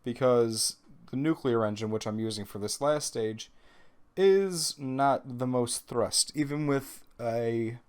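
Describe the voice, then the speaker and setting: Slow, smooth and a little mellow at a medium pitch, this man hosts gaming videos and narrates his gameplay in a Brooklyn accent. A cold leaves him slightly nasal, and his talk is chatty and self-deprecating, rambling along with ums and false starts.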